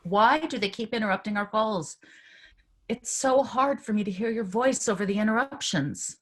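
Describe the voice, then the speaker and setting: A woman's voice: mid-range voice, normal speed, a bit bright, natural voice. A woman reading the part of a devoted sister, speaking earnestly and with emotion in a staged play reading. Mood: anxious. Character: caring adult sister, anxious and tender.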